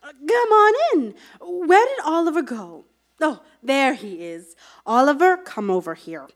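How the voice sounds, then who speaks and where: A woman's voice: high voice, sing-song, a little slow, heavily acted. A woman playing a chirpy, fussy nanny. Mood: upbeat. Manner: sing-song, overly upbeat. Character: cheerful, fussy female nanny. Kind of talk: live comedy radio play.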